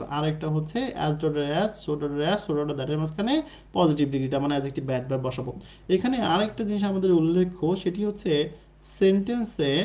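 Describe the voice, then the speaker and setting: A man's voice: high voice, mellow. A man teaching an exam-prep grammar lesson, explaining patiently, repeating key points and asking questions he answers himself.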